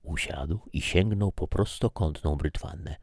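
A man's voice: very deep voice, measured pace, dry recording, clean studio sound. A man reading a short story aloud as narrator, telling it expressively.

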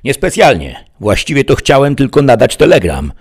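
A man's voice: extremely low pitch, big pitch swings, moderate pace, breathy edge, exaggerated voice. A man playing a sneering outlaw. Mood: sneering menace. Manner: sneering, taunting. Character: menacing scarred male outlaw, cold and mocking. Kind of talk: audiobook character voicing.

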